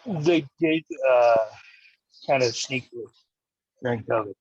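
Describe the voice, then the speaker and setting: A man's voice: medium pitch, a little slow, husky, no echo. A man on a group call asking a plain, polite question, his microphone crackling and cutting out. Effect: crackly microphone that keeps cutting out. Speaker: property owner on a group call. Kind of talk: casual question in an online meeting. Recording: dull, dry, breaking-up call audio.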